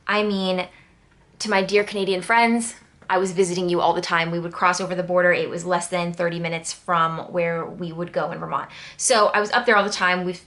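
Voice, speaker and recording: An American woman from Connecticut in New England hosts a planner channel, talking casually through a planner walkthrough and drifting into chatty asides. Her voice is on the low side with a fairly bright tone.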